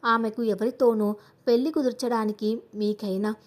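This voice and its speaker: A woman voicing a calm, firm male professor. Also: on the high side, normal speed, lightly acted. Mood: calm firmness. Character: composed middle-aged male professor.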